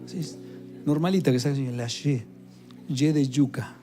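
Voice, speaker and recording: A man's voice: medium pitch, unhurried, mellow, soft background music. A male pastor preaching a sermon in a conversational way, asking the congregation to repeat words after him.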